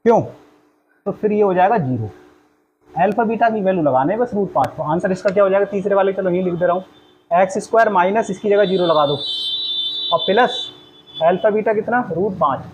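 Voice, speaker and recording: A man teaches a math class, working through each step aloud and firing questions at his students. His voice sits high. Faint classroom noise runs under the recording. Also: fairly quick, pauses often, low-quality recording. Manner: explains steps aloud, quizzes the class with questions. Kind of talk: classroom lesson.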